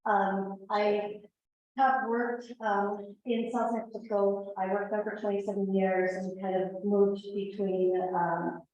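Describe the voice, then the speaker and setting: A woman's voice: mid-range voice, little pitch movement, slow pace, a little mellow. A woman from El Salvador introducing herself as new staff at a meeting, nervous and hesitant. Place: large meeting room. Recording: echoey dull meeting room audio, faint hiss.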